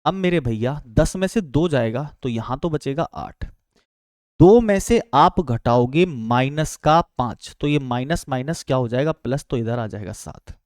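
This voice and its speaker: A man's voice: medium pitch, animated, unhurried, darkish tone, no echo, clean studio sound. A man teaching exam-prep maths, calling his students beta and friends and asking and answering his own questions.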